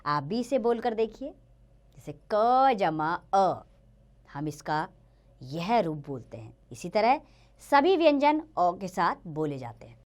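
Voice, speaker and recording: Lively-voiced woman teaching children. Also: on the low side. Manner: clear, patient explaining, drawn-out example words. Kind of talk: children's grammar lesson.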